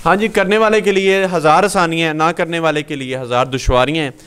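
Man, from Pakistan, 30s, higher pitch, clear voice, explanatory host, handheld mic, small workshop. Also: fairly even intonation, brisk, a bit bright. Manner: explanatory, walks through machines. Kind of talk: business interview and walkthrough.

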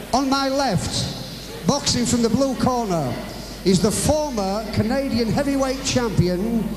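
Male ring announcer, formal drawn-out delivery, very echoey arena with long reverb. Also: extremely high pitch. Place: boxing ring in indoor arena. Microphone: handheld microphone. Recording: echoing arena PA, clear background noise.

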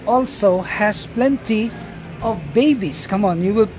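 A middle-aged man from the Philippines, with a high-pitched, slightly slow voice, explains fish breeding in a casual walk-through vlog at an outdoor fish farm. He speaks explanatorily and calls his viewers "guys." The background is noisy.

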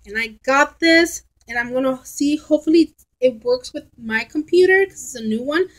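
Thirty-year-old woman, fairly high voice, chatty rambling vlogger at a close laptop webcam in a bedroom. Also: poor audio. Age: 30s. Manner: rambling, chatty, frank and exasperated. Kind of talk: casual rambling vlog. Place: bedroom at home, indoors. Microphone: laptop webcam at close range.

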